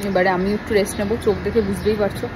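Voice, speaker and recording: A young mother talking casually to camera at home, sleepy, in a soft and chatty way. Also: mid-range voice, little pitch movement, racing. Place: home, indoors. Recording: noisy home video.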